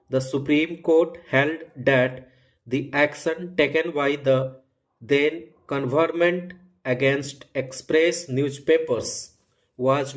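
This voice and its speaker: A man reading formal text aloud as shorthand dictation, in short, deliberate phrases with regular breaks. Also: a little high, low-quality recording. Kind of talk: dictating a legal passage at a measured 95 words per minute.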